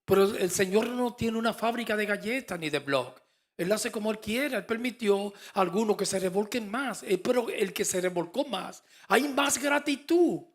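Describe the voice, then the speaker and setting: A male pastor preaching a fervent sermon, swinging from soft asides to emphatic calls. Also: high voice, moderate pace.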